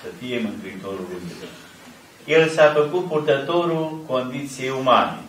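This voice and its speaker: An older priest reading a sermon from a lectern in measured, solemn phrases, with pauses between them. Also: male voice, mid-range voice, a bit bright, slight background noise. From Romania. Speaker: archimandrite preaching. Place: large ornate church, indoors. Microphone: camera at a distance. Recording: echoey church heard from a distance.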